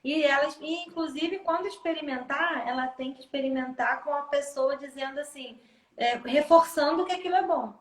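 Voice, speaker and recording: A woman's voice: high voice, moderate pace, reverberant. A woman and mother chatting casually and comparing memory to everyday things. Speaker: mother, conversation partner. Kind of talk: casual chat.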